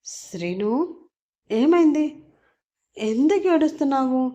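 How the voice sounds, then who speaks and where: A woman's voice: a little high, animated, normal speed, mellow, pitched above the performer's own voice. A woman voicing a worried young woman who pleads and asks anxious questions. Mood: anxious pleading.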